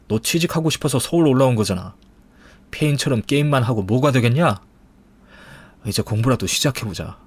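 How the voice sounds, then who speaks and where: A man's voice: mid-range voice, breathy edge. A man voicing a stern husband who bluntly scolds his younger brother.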